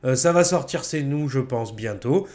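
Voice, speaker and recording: French male tech tutor, mid pitch, relaxed chatter full of fillers and little self-corrections. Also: normal speed. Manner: chatty, many fillers and self-corrections, chuckles at own slips. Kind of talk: casual screen-recorded software tutorial.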